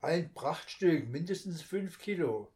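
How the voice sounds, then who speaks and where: A joking, good-humoured fisherman in a storybook, loud and teasing, as a man puts him on. He speaks in an unhurried, easy way. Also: a little high, expressive, pitched above the performer's own voice. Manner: teasing, jovial. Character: joking thin fisherman, middle-aged.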